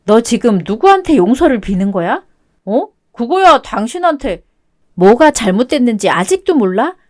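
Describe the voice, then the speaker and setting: A woman's voice: on the high side, big pitch swings, moderate pace. A woman reading a web-toon radio drama as narrator and wronged wife, cold and cutting.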